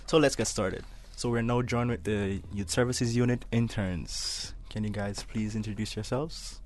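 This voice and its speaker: A man's voice: on the low side, fairly even intonation, normal speed. A man with a Caymanian accent hosting a radio interview, teasing his young guests and laughing often. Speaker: radio host. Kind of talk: casual interview.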